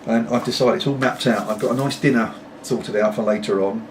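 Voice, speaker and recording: Low-voiced British man chatting, pipe in mouth. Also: fairly even intonation, a little fast. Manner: talking while puffing on a pipe; meandering, apologetic asides. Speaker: pipe-smoking video blogger. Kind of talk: casual rambling chat to camera. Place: at home. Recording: distant mic, clearly noisy background.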